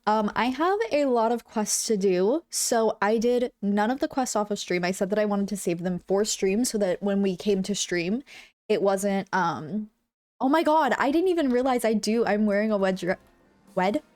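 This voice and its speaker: At a moderate pace, a young home streamer talks with her audience in an expressive, slightly mellow medium-pitched voice. Bubbly and chatty, she sounds a bit congested and leans heavily on "like" and "um" while answering the live chat.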